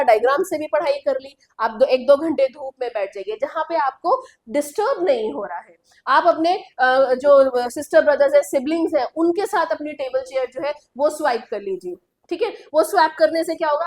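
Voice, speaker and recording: A woman's voice: high-pitched, a little mellow. A woman coaching teacher giving study tips to students in a chatty lesson, often checking in with them as she goes. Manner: chatty, addresses students directly with repeated tag questions.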